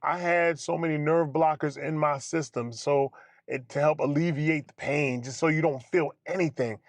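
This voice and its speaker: A man streaming, telling a personal story in a casual, animated way, acting out the dialogue and calling his listeners family and fellas. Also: on the high side, normal speed, no room sound. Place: home streaming setup.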